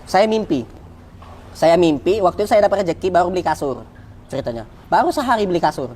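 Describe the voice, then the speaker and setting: A man, an interview guest, telling a personal story in a vivid, repetitive way that swings from loud to hushed. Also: high voice, lively intonation, quick pace.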